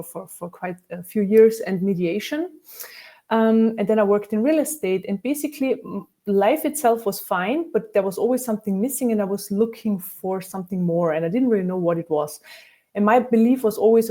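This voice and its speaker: Mellow-voiced woman, reflective. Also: mid-range voice. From Austria. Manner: thoughtful, with frequent restarts. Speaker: spiritual teacher and guest. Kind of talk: reflective interview conversation.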